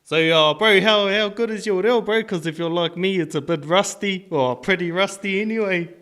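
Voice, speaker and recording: A man's voice: high voice, normal speed, fairly bright tone. A man with a broad New Zealand Māori English accent hosting a podcast in casual, laid-back slang. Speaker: podcast host. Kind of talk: casual chat.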